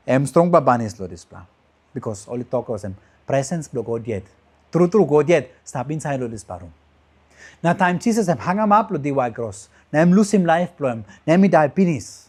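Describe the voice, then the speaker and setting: Man, Papua New Guinean accent, pidgin sermon, preacher, short repeated phrases, emphatic rises, soft falling endings, medium pitch. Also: very animated, moderate pace.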